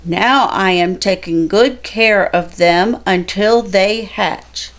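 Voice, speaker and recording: A woman voicing a contented, proud father fish in a children's storybook, pleased and unhurried. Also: mid-range voice.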